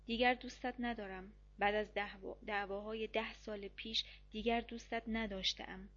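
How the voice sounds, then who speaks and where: A cold, defensive middle-aged husband, as a woman narrator reads him, spoken firmly at an ordinary pitch without a big change of voice. The audiobook recording is slightly muffled and dull. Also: fairly even intonation, fairly bright tone, lightly acted.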